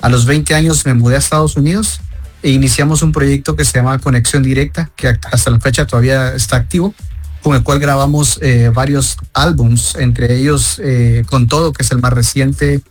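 A man in his forties from Guatemala, a guest musician telling his story in a friendly, relaxed way over a remote connection. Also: medium pitch, moderate pace, faint music behind. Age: 40s. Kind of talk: phone-in interview.

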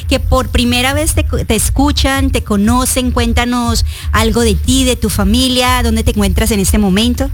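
A woman's voice: fairly high pitch, fairly even intonation, moderate pace, hardly any pauses. Woman hosting a radio talk show.

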